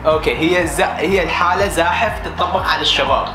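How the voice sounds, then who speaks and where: A man's voice: on the high side, quick pace. A man with an Iraqi Arabic accent chatting casually as he runs a word-guessing challenge. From Iraq. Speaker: quizzer in a dialect challenge. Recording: echoey room, music behind.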